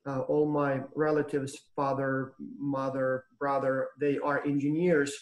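A man in his thirties from Ukraine with a Ukrainian accent, giving a lecture to students over a webcam, relaxed and explanatory with frequent ums and uhs. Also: medium pitch, a little slow, echoey room, low-quality recording. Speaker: professor. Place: room with brick wall and whiteboard. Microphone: webcam on video call.

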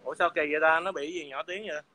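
A man's voice: fairly high pitch, fairly even intonation, racing, pushed and bright. A man hurling crude, taunting insults in a heated livestream rant. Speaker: livestream speaker.

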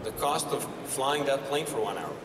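A man's voice: medium pitch, lively intonation, moderate pace. A man in his thirties giving a conversational conference talk on a stage, with wry asides. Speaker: company founder presenting. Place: exhibition hall stage. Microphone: handheld mic, far camera. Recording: roomy hall from far off, noisy.

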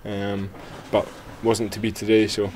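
Hesitant young footballer, low voice. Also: male voice, monotone, unhurried, noisy background. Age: 20s. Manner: hesitant, many ums and restarts. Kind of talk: post-match interview. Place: small indoor press area before sponsor board.

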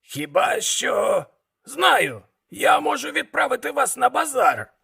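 A man voicing a scheming, haggling male devil trader in an audiobook, with a gravelly, husky voice and a nervous, wheedling manner. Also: extremely high pitch, sing-song, slow pace, sharp tone, voice pushed up, exaggerated voice.

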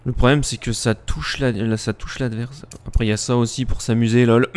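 A man streaming a live game, joking crudely and bursting into excited outbursts as he plays. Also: mid-range voice, normal speed. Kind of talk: live gaming commentary.

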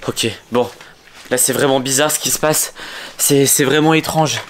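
A young man in his twenties filming himself in a dark house, talking to his viewers in a hushed, suspenseful voice. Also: medium pitch, steady tone, normal speed. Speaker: youtuber acting in a home short film. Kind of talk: vlog-style acted sketch narration. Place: dark rooms of a house, indoors. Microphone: phone camera at arm's length. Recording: echoey rooms with background noise.

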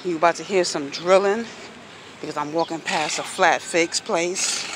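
A woman's voice: fairly low pitch, fairly even intonation, normal speed. A middle-aged woman rambles casually as she walks outdoors, thinking aloud and repeating phrases into a phone held at arm's length. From New York City. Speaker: vlogger. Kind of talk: casual walking vlog chat. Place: outdoors, walking along busy city streets. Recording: noisy outdoor city street recording. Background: traffic and street noise.

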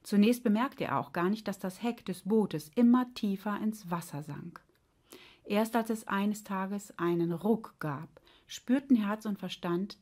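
A woman coach reading a story aloud in a calm, soft way, sometimes dropping to a whisper. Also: medium pitch. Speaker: life coach. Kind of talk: storytelling narration.

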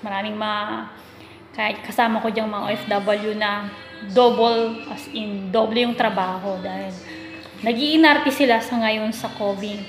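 Her voice is medium-pitched, fairly even, a little slow and creaky. A vlogger who works abroad as a domestic worker, she chats and complains to a phone camera at arm's length in her kitchen, mixing English into Tagalog. The indoor space echoes, with background music behind her.

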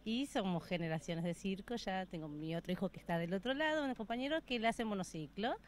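A woman who performs as a circus foot juggler, speaking in a warm, effusive way. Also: mid-range voice, animated, fairly quick, a little hiss or hum.

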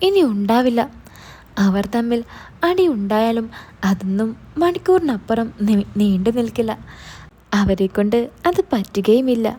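A woman tells an emotional family story in a gentle, unhurried way. Her voice is slightly high and mellow. It has a soft, husky breathiness.

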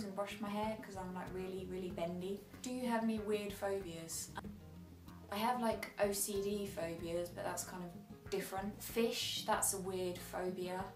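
A woman's voice: medium pitch, reverberant, distant mic, low-quality recording. A woman chatting casually to camera as a vlogger, rambling and correcting herself as she goes.

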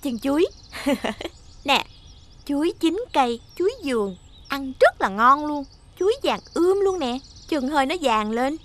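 A woman's voice: high voice, unhurried. An actress playing a cheeky young woman, teasing and arguing with an old uncle in a TV sitcom. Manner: teasing, argumentative, lively. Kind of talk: TV sitcom acting.

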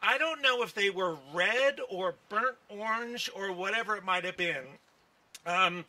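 A man's voice: high voice, pushed and bright. A man, a baseball team executive giving press conference remarks outdoors at a stand microphone, telling stories with many fillers. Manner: folksy storytelling with many fillers. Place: outdoor park event. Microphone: podium microphone on stand.

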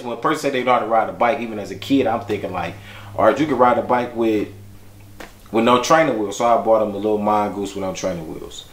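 A young man talking about his son in a documentary, reflective and halting, with many fillers. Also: on the low side, roomy sound. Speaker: father. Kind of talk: documentary interview, personal storytelling.

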